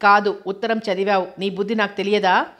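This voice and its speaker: A woman narrator voicing a withdrawn, sharp-tongued young woman with curt, bitter retorts. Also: mid-range voice, level tone, a little fast, lightly acted.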